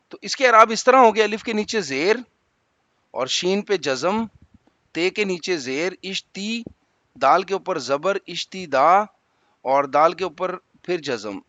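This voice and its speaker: A man's voice: high voice, pushed and bright, no echo. A male teacher patiently explaining exam answers to students, spelling out vowel marks letter by letter.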